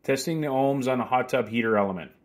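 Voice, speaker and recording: A man's voice: mid-range voice, fast. A man giving a casual, practical, step-by-step how-to on testing a hot tub heater, recorded outdoors while he works with his hands. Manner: plain, practical step-by-step instructions. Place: outdoors beside a hot tub equipment bay.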